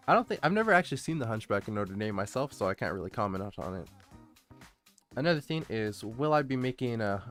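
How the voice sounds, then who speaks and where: A man's voice: medium pitch, fairly bright tone. Casual male livestreamer over background music. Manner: rambling, hesitant, easily distracted. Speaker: streamer, VTuber introducing his channel. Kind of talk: casual livestream chat, answering viewers. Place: indoor streaming setup, background music behind the voice.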